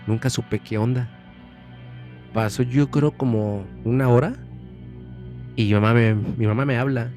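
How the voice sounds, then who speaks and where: A man's voice: medium pitch, steady tone, unhurried, pauses often, a little mellow, soft background music. A man from Mexico with a Mexican Spanish accent, a guest telling a personal story in a chatty way, often repeating phrases as he recalls. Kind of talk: casual storytelling.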